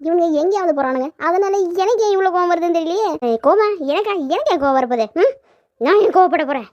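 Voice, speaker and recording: A woman voicing a sharp-tongued, teasing young woman in a cartoon, firing back quick mocking retorts. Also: very high voice, expressive, no echo. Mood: sassy. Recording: dull lo-fi sound.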